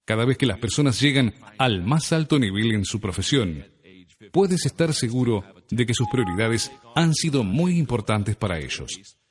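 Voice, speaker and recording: A man reading a self-help audiobook in a measured, deliberate way. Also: medium pitch, lively intonation. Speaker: audiobook narrator. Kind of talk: scripted self-help narration. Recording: long reverb.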